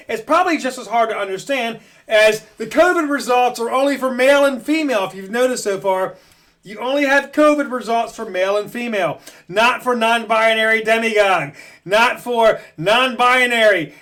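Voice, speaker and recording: Guy from maryland with a really high voice, blunt cussing rant vlog. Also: a bit bright. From Maryland, USA. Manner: blunt, profane, ranting. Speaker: vlogger. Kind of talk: political rant to camera.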